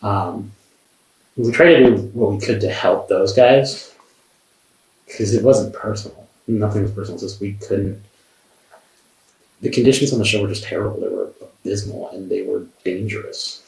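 A man's voice: on the low side, steady tone, moderate pace, creaky, pauses often, darkish tone. A man, a camera assistant, telling his side of events in a police interview, rambling with many restarts and sounding defensive. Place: interview room. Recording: roomy, from far off the mic.

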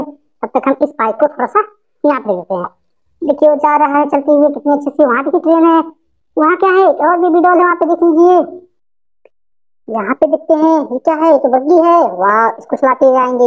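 High-pitched lady playing with toy trucks for kids, lots of oohs, muffled lo-fi sound. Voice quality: exclaiming, sing-song, cooing at toys. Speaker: toy video narrator. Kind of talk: playful narration of toy play for children. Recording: dull lo-fi sound.

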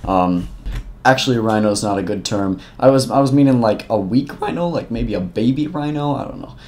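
A man's voice: mid-range voice, a little fast, a little mellow. Young man rambling through a storytime. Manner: rambling and profane, with frequent restarts. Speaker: vlogger. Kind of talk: casual storytime vlog.

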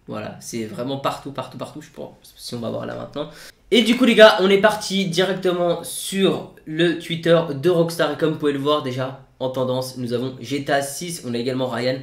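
A man hosting a casual gaming news vlog, excitable and repeating words over and over. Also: medium pitch. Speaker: gaming YouTuber. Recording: roomy echo.

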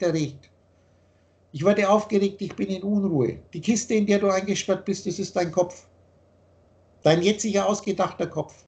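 A man with a high-pitched voice lectures over a video call. He speaks emphatically as a spiritual teacher. He often repeats and rephrases his points. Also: darkish tone. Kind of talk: explaining ideas in a video call.

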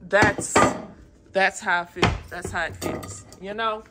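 A woman in her twenties talking casually to her phone camera in her bedroom. She is candid and slangy, and swings between hushed and loud. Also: medium pitch, steady tone, slow pace, heavy background noise. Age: 20s. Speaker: vlogger. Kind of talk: casual vlog chat to camera. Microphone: phone mic.

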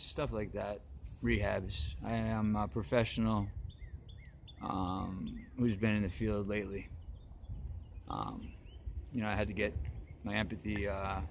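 Rambling low-voiced man, dry jokes. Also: a little hiss or hum. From northeastern United States. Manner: hesitant, full of ums, dry joking. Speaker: vlog host. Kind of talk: rambling casual monologue. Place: outdoors at dusk.

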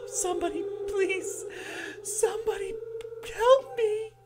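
A woman's voice: extremely high pitch, takes it slowly, loud music behind the voice, voice pushed up. A woman reading out a video game ghost who begs desperately for help in a whiny voice. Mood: pleading. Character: pleading ghostly voice crying for help.

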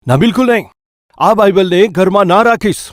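Brief: stern scolding dad, a preacher putting him on, pitched up. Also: male voice, animated, moderate pace, dry recording, studio quality. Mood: angry. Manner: scolding, demanding. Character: angry strict father, middle-aged man.

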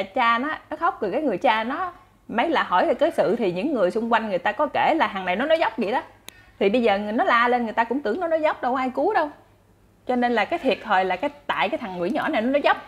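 A woman with a Southern Vietnamese accent, chatty and animated, telling folk stories to her listeners as a channel host. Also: fairly high pitch. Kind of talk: casual folk storytelling.

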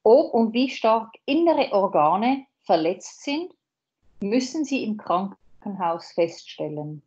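A woman reading a blunt middle-aged male doctor's lines aloud, slowly, from a novel. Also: medium pitch, sing-song, a little mellow, lo-fi sound.

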